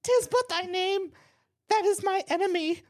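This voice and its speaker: A woman's voice: very high-pitched, unhurried, pitched above the performer's own voice. A woman reading a young heroine's lines in classical verse while doing the voice of an old hag, theatrical and giggly. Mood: shrill, hammy. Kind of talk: comic script read-aloud.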